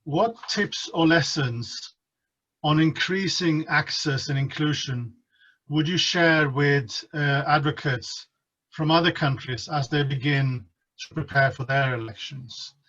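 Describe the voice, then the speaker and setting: A man's voice: fairly high pitch, slow, a bit bright. A man moderating a panel question session over an online call with lo-fi sound. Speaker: webinar moderator. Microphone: video call. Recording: dull, lo-fi online call audio.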